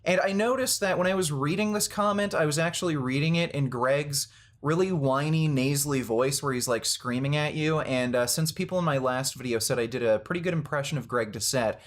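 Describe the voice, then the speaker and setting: A man's voice: fairly high pitch, brisk. A man speaking to camera in a blunt, combative commentary on a fitness dispute. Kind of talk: casual commentary video.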